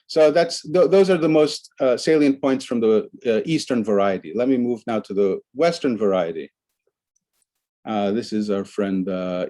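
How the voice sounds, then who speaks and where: Mellow-voiced man giving a conference talk. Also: medium pitch. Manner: explanatory, walking through slide examples. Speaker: academic presenter.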